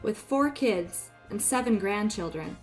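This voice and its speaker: A woman's voice: mid-range voice, lively intonation, measured pace, soft background music. A woman narrating a scripted family video, telling it in a proud tour-guide way.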